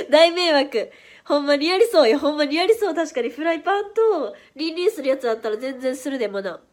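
A young-sounding woman with a Kansai accent chats on a casual livestream, her voice pitched high and a little stuffy from hay fever. She reacts to viewers quickly and playfully. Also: very animated. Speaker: idol livestream host. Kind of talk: casual livestream chat reading viewer comments.

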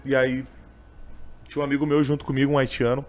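Speaking fast in a medium-pitched, slightly mellow voice with flat delivery, this young gaúcho-accented man recounts his life as a train vendor and singer. The casual interview runs rambling and emotional, packed with filler words.

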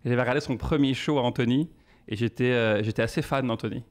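A man in his thirties from France with a French accent, a comedian answering questions on a podcast with animated storytelling. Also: medium pitch, fast. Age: 30s. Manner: animated storytelling with quoted asides. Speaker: guest comedian.

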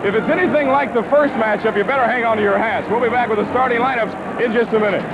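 Very high-pitched male sportscast host. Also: fast. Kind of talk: live sports broadcast hosting. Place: indoor arena courtside. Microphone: handheld microphone. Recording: dull old TV audio, noisy arena. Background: noisy crowd.

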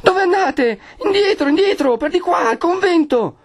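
A man's voice: very high voice, lively intonation, normal speed, voice pushed up. A man voicing a frightened young village boy who is panting and urgent. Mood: panicked.

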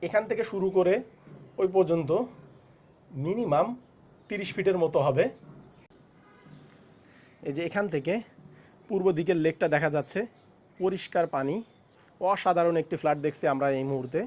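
A man giving a walkthrough tour of a flat for sale, talking straight to viewers and pointing out each room's features. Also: fairly high pitch, normal speed, pauses often. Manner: speaks softly in the child's bedroom so a sleeping baby isn't woken. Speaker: real estate agent giving a flat tour. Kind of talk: walkthrough property tour narration. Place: inside an apartment, moving room to room.

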